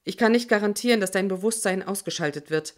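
A woman reading a calm neutral AI. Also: medium pitch, fast, natural voice. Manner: even, matter-of-fact. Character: calm neutral onboard AI of a vehicle. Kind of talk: audiobook reading.

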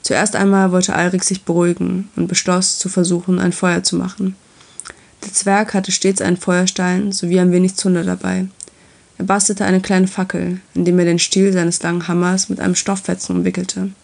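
A woman narrating a fantasy story in a calm, even reading voice. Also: on the low side, moderate pace, creaky.

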